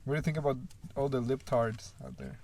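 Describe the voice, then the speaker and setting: A man co-hosting a podcast, teasing the others with deadpan, provocative questions. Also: medium pitch, brisk, gravelly, no room sound. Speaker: podcast co-host. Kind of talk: casual crude banter.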